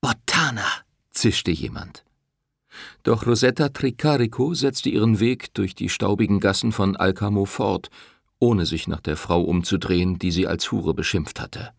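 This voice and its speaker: A man narrating an audiobook with expressive storytelling. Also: lowish voice, normal speed, vocal fry, no echo, studio quality.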